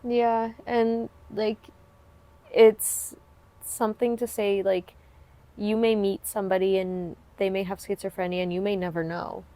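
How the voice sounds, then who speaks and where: This podcast host is a woman with a mid-range, mellow voice, speaking at a measured pace with a flat delivery. She chats in a casual interview style, earnest and encouraging, her sentences long and meandering.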